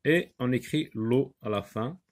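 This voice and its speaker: The speaker is a male teacher with a mid-range voice leading a classroom reading lesson; he sounds out syllables slowly and repeats words with emphasis.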